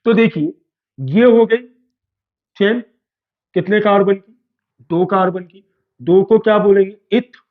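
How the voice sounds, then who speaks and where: A man's voice: sits high, measured pace, long pauses. A man teaching a chemistry class at a board, playfully asking questions and answering them himself. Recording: tinny phone-like sound.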